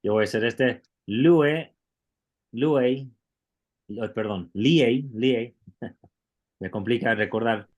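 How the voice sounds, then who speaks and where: A man's voice: mid-range voice, very slow, long pauses, a little mellow, dull audio. A man who teaches Greek in an online class and explains things patiently, step by step, often restarting his words.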